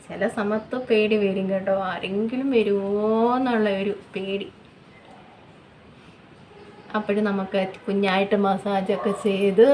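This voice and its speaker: A woman's voice: medium pitch, mellow, poor audio. Woman vlogger, talky and repetitive, mid-range voice, casual at-home beauty tips with faint room noise behind. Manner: chatty, repetitive, often adds tag questions to viewers. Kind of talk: casual home tutorial chat.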